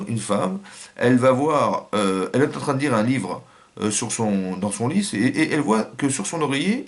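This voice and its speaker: A man with a French accent giving a religious lesson as a rabbi, acting out little scenes and quotes in changing voices. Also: mid-range voice.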